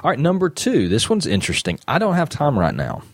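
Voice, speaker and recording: A man's voice: medium pitch, wildly swooping pitch, fast, no room sound. A man hosting a casual podcast discussion, reading out points and asking his co-hosts questions. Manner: leads discussion, reads out points. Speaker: podcast host. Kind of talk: casual chat.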